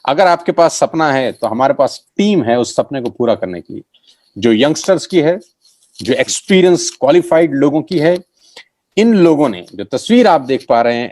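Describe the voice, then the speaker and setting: A middle-aged man gives a motivational pitch for network marketing and leans hard on his key phrases, repeating them for effect. His voice sits at an ordinary male pitch. The sound is dry and close, with no room echo. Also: a little mellow.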